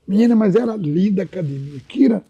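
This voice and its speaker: This is a fast-talking man in his 80s from Minas Gerais, Brazil, with a high, slightly rough voice, and the recording's highs are cut off. As a podcast guest in a relaxed chat, he spins lively anecdotes from the old days and keeps addressing the host by name.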